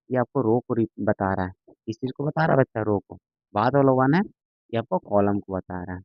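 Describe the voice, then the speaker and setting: A man's voice: medium pitch, no room sound. A man teaching a maths lesson to a class, patient and repetitive, often checking that students follow. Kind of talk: classroom lecture. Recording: dull lo-fi sound, dry.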